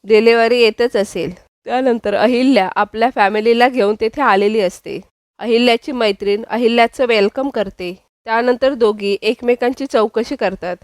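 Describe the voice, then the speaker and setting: A woman's voice: on the high side, normal speed, no room sound. A woman narrating a scripted recap of a TV drama, reading the characters' lines herself. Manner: reads quoted dialogue in her own voice.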